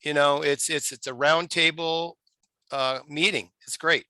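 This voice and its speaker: A man's voice: a little high, fairly even intonation, measured pace, sharp tone, dry recording. A man on a video call, enthusiastically explaining a sales training session. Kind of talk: casual video call chat.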